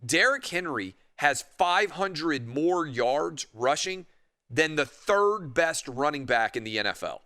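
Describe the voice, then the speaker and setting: A man's voice: a little high, lively intonation, takes it slowly, pushed and bright. A man hosting a sports talk radio show, giving emphatic, argumentative opinions and handling callers on a close studio microphone.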